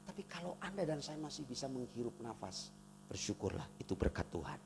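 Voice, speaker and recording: A man from Indonesia preaching a sermon as pastor, swinging between loud emphatic lines and soft, intimate asides. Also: mid-range voice, big pitch swings, fairly quick. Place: church hall. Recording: reverberant church hall, faint noise.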